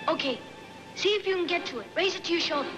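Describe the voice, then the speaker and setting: Lady doing a plucky kid prisoner in a dubbed monster movie, really high voice, urgent, music under it. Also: fast talker, lo-fi sound. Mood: urgent, coaxing. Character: young captive boy, plucky and urgent. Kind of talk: dubbed science-fiction monster film acting.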